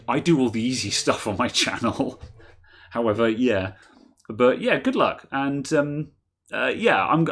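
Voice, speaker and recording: A man's voice: lowish voice, fairly bright tone, breathy edge. A man co-hosting a casual tech chat, rambling, restarting sentences and laughing often. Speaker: podcast co-host.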